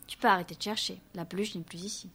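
A cheeky, bossy young French girl, as a woman voices her gives her brother orders. In English she stumbles and pleads, her voice sitting a little high. This is an audiobook character. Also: measured pace, a little mellow.

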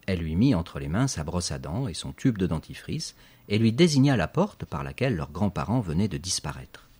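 A man narrating a children's story with expressive, lively storytelling. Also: low-pitched, fairly quick, breathy edge. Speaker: audiobook narrator.

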